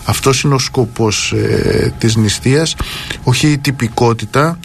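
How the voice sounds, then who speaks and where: A man on a radio Bible discussion, explaining earnestly, often pausing with fillers and quoting scripture at length. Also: medium pitch, vocal fry, soft background music. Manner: quotes scripture aloud at length.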